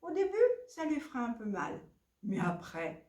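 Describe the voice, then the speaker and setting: A woman voicing a sly crow who pretends to be a healer, smooth and coaxing, in a roomy, distant recording. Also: on the high side, very animated, moderate pace.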